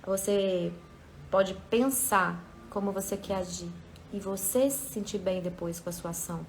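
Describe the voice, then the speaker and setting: A woman's voice: medium pitch, unhurried, a little hiss or hum. A woman giving a motivational self-help talk as a coach, speaking conversationally and often checking in with her listeners.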